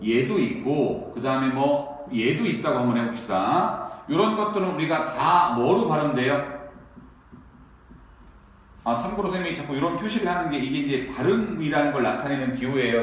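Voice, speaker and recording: A man teaching a lecture to students, who keeps asking them quick rhetorical questions. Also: on the high side. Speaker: Korean language teacher. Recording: very echoey room.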